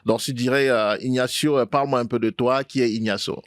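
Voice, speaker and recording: A man hosts a relaxed interview, asking questions in a friendly way. His voice is mid-pitched. The recording is dry, with no room sound. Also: a little fast, dry recording. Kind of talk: casual interview conversation.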